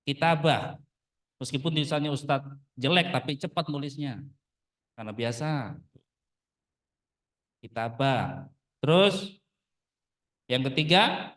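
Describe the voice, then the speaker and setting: An Arabic teacher, an ustadz in his thirties, gives a casual religious lesson in a fairly high, fairly bright voice heard from far off the mic. He keeps firing rhetorical questions at his listeners and calls them brothers.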